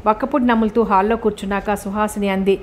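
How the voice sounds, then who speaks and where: A woman's voice: medium pitch, fairly even intonation, quick pace, a little hiss or hum. Woman reading a novel aloud. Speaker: audiobook narrator. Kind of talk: scripted novel narration.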